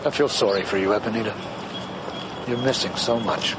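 An actor playing a genial, soft-hearted male banker in a TV film, with a jovial, teasing manner. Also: fairly low pitch, brisk, very noisy, lightly acted. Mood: pitying. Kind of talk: TV film drama acting. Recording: film soundtrack with loud music, street.

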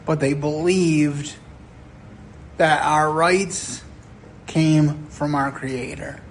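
A man in his sixties preaching a sermon in a chapel, telling stories earnestly with deliberate pauses. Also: on the high side, fairly even intonation, a little hiss or hum. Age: 60s. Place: chapel sanctuary.

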